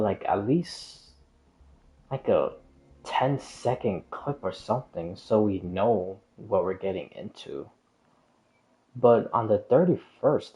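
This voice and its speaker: On muffled, dull lo-fi stream audio, a male gamer chats casually while livestreaming. He sounds a little mellow and on the low side, and his talk is hesitant, meandering and repetitive.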